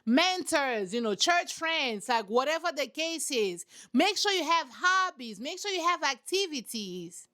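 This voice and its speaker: A woman with a high voice and a slightly slow pace gives casual reaction commentary on a reality TV show. She is animated, emphatic and preachy, repeating her points and speaking directly to her audience.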